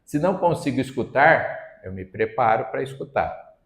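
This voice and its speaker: A man's voice: mid-range voice, animated, moderate pace. Brazilian male lecturer, chatty teaching tone, echoey hall. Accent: Brazilian Portuguese. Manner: conversational, often adds tag questions. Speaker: lecturer at a spiritist center. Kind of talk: Sunday spiritist talk. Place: hall of a spiritist center. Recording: roomy hall sound.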